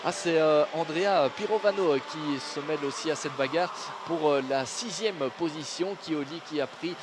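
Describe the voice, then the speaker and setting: A man giving live motorsport commentary on a kart race in hesitant, drawn-out phrases. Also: fairly high pitch. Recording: clear outdoor engine and track noise.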